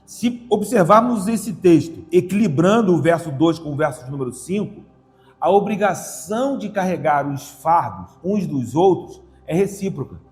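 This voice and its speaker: A man preaching a sermon, reading scripture slowly and with emphasis. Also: fairly high pitch, expressive, darkish tone. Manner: slow emphatic scripture reading, measured delivery.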